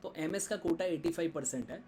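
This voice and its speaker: In a slightly high, slightly fast voice over a noisy background, a man walks viewers through admission paperwork in a casual screen-share lesson. He's conversational, switching into English and checking in often with "theek hai."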